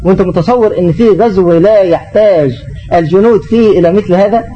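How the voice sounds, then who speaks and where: Brief: middle-aged Egyptian man teaching religion, fast, raised pitch, answers questions with his own rhetorical questions. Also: dull audio, a little hiss or hum. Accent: Egyptian Arabic. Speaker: Islamic teacher.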